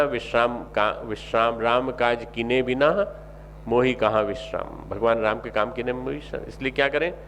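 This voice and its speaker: A man in his sixties from north India preaches to a youth camp in a mid-pitched voice. He drives his points home by repeating phrases and swelling into loud calls to action. A faint hum sits under the sermon. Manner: exhorting, rising to loud emphatic calls; repeats key phrases for emphasis. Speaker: spiritual leader giving a discourse.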